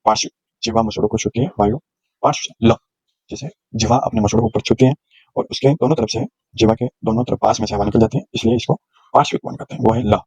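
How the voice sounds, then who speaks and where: Man slowly sounding out letters in a lesson. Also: on the low side, steady tone, a little mellow, slightly rough, low-quality recording. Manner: slow and explanatory, sounding out letters one by one. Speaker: teacher. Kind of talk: classroom lecture on grammar.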